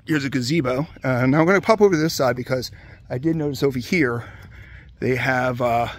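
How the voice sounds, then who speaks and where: A vlogger from the Hershey, Pennsylvania area strolls a shuttered amusement park with a handheld camera, chatting easily about the rides. His medium-pitched voice moves a little fast, peppered with many "uh" and "um" fillers.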